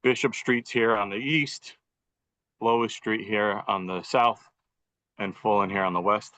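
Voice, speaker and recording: Presenting a site plan at a public meeting, this engineer speaks over a video call with a shaky Wi-Fi connection, going through it step by step in a formal way. He has a fairly low, sharp voice with a steady tone and unhurried delivery. The call audio is dry, dull and lo-fi.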